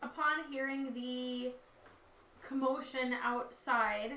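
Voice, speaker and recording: A woman's voice: high voice, steady tone, slow, pushed and bright. A woman narrating as dungeon master in a chatty way, often laughing and correcting herself. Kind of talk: narrating a tabletop game. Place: dining room table with players. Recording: echoey room, mic far off, faint noise.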